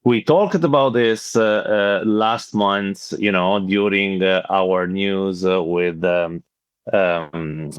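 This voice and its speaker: A man with an Italian accent hosting a casual podcast interview, speaking haltingly with many fillers. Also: low-pitched, steady tone, clear, resonant tone, dry recording, lo-fi sound. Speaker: podcast host.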